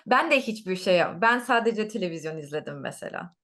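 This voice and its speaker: A woman's voice: lowish voice, expressive, brisk, a bit bright. A woman language teacher in casual conversation with a student, encouraging with short affirmations and repeated phrases.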